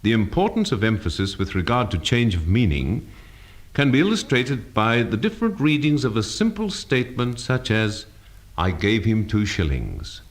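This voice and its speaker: Lively-voiced man teaching elocution. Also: lowish voice. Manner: measured, precise delivery with acted example phrases. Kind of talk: scripted speech-training lesson.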